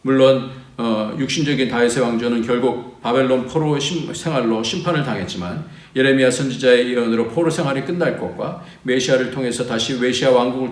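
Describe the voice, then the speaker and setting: A male pastor delivering a sermon in a roomy, echoing space. His voice sits in a middle register, and he preaches with energy, pitch and loudness rising and falling widely. He also reads scripture aloud in long passages. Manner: animated preaching with wide swings in pitch and volume.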